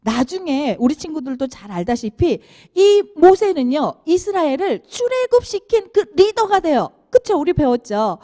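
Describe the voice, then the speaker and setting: A woman giving a children's sermon, animated and asking the kids questions as she tells the story. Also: sits high, normal speed, few pauses. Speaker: children's minister.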